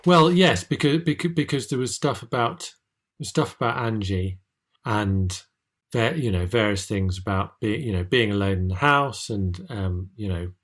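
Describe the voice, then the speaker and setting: A man's voice: on the low side, a little slow. A man from England co-hosting a podcast, speaking hesitantly and repeating words as he talks. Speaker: podcast co-host. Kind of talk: casual chat.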